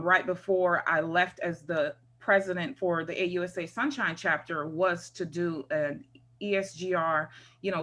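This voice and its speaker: A woman's voice: lowish voice, sharp tone. A woman from Jamaica with a Jamaican accent, a retired first sergeant giving conversational remarks on a video call, often filling with "you know" and "um". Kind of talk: virtual conference remarks.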